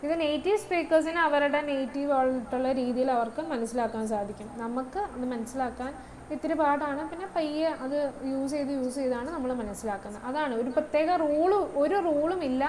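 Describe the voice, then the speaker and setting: In a poorly recorded online lecture with a low hum in the background, a woman teaches in a high, light voice with a darkish tone. She alternates English terms with her own language and checks in now and then to see that the class follows.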